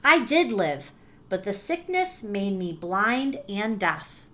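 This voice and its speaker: With a sing-song lilt at medium pitch, a woman shares a picture book with her pupils. She's warm and encouraging, breaking off to explain parts and confirm the class is following.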